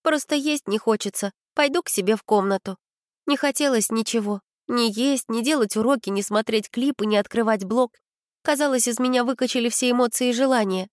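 A woman narrating a children's story in the first person, with expressive storytelling. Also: fairly high pitch, no room sound, clean studio sound. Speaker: audiobook reader.

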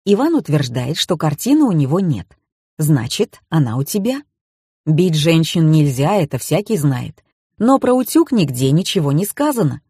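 A woman reading an audiobook, voicing a calm, mocking tough man who threatens quietly. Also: low-pitched, moderate pace, breathy edge, no echo, studio quality, full character voice. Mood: menacing.

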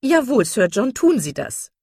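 A woman's voice: low voice, big pitch swings, moderate pace, slightly rough, no echo, studio quality, heavily acted. A woman voicing a gossipy, prying older woman in a read-aloud novel, eager and nosy.

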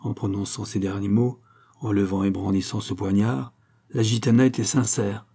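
A man narrating a classic novel as an audiobook, in a measured, unhurried way. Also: on the low side, fairly even intonation, creaky, mellow, husky.

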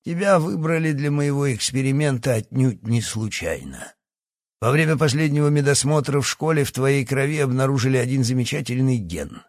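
A man voicing a gravelly old villain doctor. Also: mid-range voice, animated, normal speed, darkish tone, no echo, clean studio sound, lightly acted. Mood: sinister. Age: over 60. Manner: condescending, sly. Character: scheming old male doctor, secretly a villainous professor. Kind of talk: audiobook character acting.

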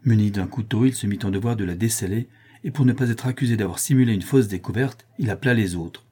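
A man reading a historical novel aloud at a measured pace, voicing every character. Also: lowish voice, a little mellow, breathy edge. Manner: measured, voices all the characters. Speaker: audiobook reader. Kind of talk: scripted narration.

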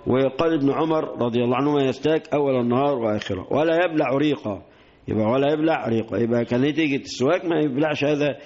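A man's voice: medium pitch, a little mellow, highs cut off. A man with an Egyptian accent teaching a religious lesson, repeating key phrases and mixing colloquial explanation with classical quotations. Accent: Egyptian Arabic. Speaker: sheikh teaching hadith.

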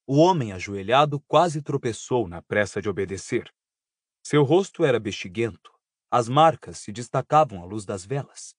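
A man's voice: mid-range voice, lively intonation, moderate pace, slightly rough, no echo. Man narrating an audiobook, dry. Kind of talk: scripted narration.

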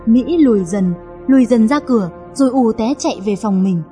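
A woman narrating a dramatic audio story in an expressive, measured reading. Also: on the high side, faint music behind.

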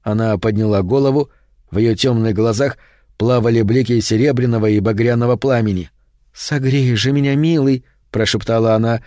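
Male audiobook narrator, dark mellow voice, horror reading. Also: lowish voice, no echo, studio quality. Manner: steady, measured storytelling.

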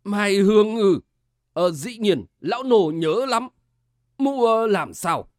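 A man's voice: high-pitched, animated, no room sound, studio quality. Man doing a shaky old gatekeeper. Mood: timid, hesitant. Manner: slow, quavering, hesitant with fillers. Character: old male servant gatekeeper, timid and shaky.

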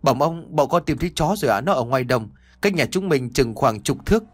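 A man's voice: mid-range voice, lively intonation, brisk, no room sound, close to an everyday voice. A man voicing a humble household servant reporting to his master in an audio story. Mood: eager. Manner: deferential. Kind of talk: audiobook character voice.

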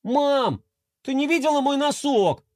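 A man's voice: very high voice, animated, unhurried, a little mellow, dry recording, studio quality, voice pushed up. A man voicing a frustrated young boy who grumbles to himself. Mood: grumbling. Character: frustrated young boy hunting a lost sock.

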